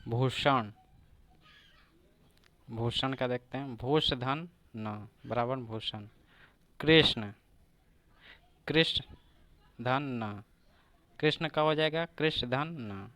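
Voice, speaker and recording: A man teaching grammar for competitive exams, walking through examples one at a time at an unhurried pace. His voice is clear and resonant, and it sounds close and dry with no room echo. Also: mid-range voice, sharp tone. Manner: slow, repeating each example word by word. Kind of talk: exam-prep grammar lesson.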